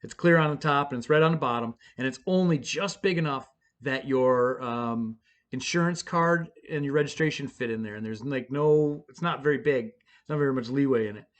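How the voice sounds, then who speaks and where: A man's voice: mid-range voice, normal speed. A middle-aged man casually telling a profane, self-mocking story, rambling with fillers and restarts. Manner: fillers and restarts, bursts of excited shouting.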